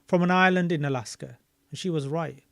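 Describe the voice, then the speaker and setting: A man casually reading a book aloud and commenting on it, thinking out loud as he looks things up. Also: a little high, a little fast, creaky, dry recording, studio quality. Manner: thinking aloud while searching maps and videos, loose and chatty.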